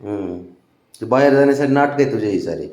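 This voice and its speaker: A man's voice: on the low side, expressive, brisk, a little mellow, echoey room. A man chatting casually to his pet cat, coaxing and teasing it in a playful baby-talk way. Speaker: pet owner vlogger.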